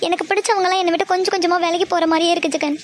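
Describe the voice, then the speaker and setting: A woman's voice: extremely high pitch, fairly even intonation, very fast. A woman voicing a tearful young woman. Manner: pleading, sobbing tone. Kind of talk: amateur cartoon voice acting.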